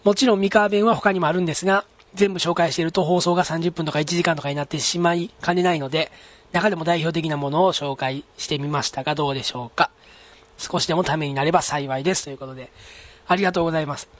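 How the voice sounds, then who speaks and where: A man's voice: a little high, fairly even intonation, fast talker. A man hosting his own solo podcast in a polite, chatty way, full of fillers, reading out a listener's letter. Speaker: podcast host.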